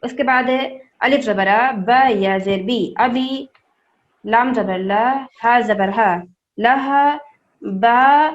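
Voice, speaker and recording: Brief: woman teacher, fairly high voice, slow spelled-out drills, dull call audio. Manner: spells words out letter by letter, slow and drawn out; asks questions and answers them herself. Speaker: Quran recitation teacher. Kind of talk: online class teaching Quran reading. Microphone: online call microphone.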